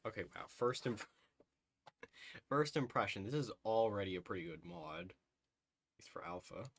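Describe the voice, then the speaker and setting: A man with a fairly low voice streams live gameplay, heard through a headset microphone. He thinks out loud to his chat and reacts with frequent "ooh"s and small laughs. A faint hiss sits under the voice. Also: animated, unhurried, vocal fry.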